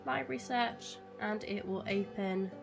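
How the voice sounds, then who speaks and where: A young English woman, a university student, rambles casually at home in a vlog, full of fillers and asides. Her medium-pitched, unhurried voice has vocal fry and sounds stuffy from a cold, with music playing behind her.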